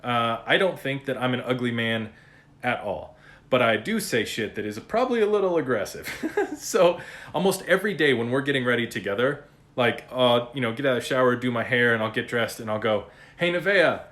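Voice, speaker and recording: Blunt, profane dad talking casually. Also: male voice, mid-range voice, fairly quick, fairly bright tone. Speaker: podcast host. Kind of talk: casual monologue.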